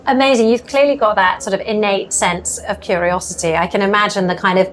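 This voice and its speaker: A woman's voice: mid-range voice, steady tone, a little fast. A woman hosts a podcast interview with an eager, chatty delivery. Her voice sits in a middle register. She records in an event booth, with a faint hum of ambience behind her. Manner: enthusiastic, chatty questions. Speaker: podcast host.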